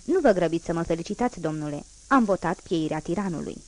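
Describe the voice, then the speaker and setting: A woman's voice: on the low side, expressive, lightly acted. A proud, unbending old revolutionary man, as a woman reader puts him on in a storybook reading. He declaims each point firmly and with emphasis, never giving ground. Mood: unyielding. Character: fierce old male revolutionary, unyielding and proud.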